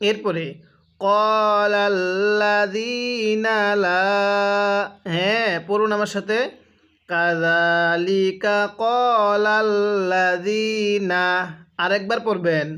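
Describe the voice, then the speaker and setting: A man with a Bangladeshi Bengali accent teaching Quran reading, drawing out each word slowly and asking students to repeat after him. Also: high voice. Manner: slow, drawn-out syllable-by-syllable recitation for students to repeat. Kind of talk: recitation lesson.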